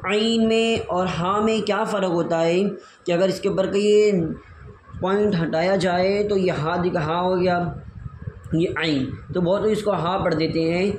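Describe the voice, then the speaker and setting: A man teaching Quran reading, spelling out letters in a slow, patient, repetitive lesson. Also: high-pitched, steady tone. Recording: echoey room with faint hiss.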